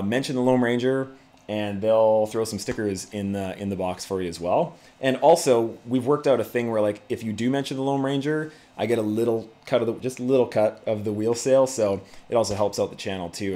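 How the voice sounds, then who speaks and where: A man's voice: lowish voice, warm tone. A man hosting a casual livestream, chatting to viewers in a laid-back, conversational way. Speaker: YouTube channel host.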